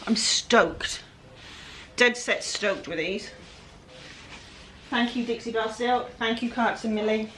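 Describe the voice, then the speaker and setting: A woman's voice: on the high side, slow pace, long pauses, sharp tone, slight background noise. Chatty West Country woman. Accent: West Country English. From England-Wales border, UK. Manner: chatty, rambling, self-deprecating. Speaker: furniture flipper. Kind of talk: casual DIY vlog narration.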